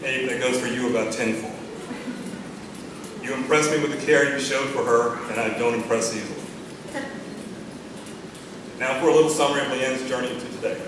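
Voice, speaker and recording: Middle-aged American male, father of the bride speech, medium pitch, sentimental with gentle humor, heavily reverberant and noisy recording. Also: fairly even intonation, normal speed, long pauses, recorded from a distance. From Texas, United States. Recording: echoey room from afar, noisy.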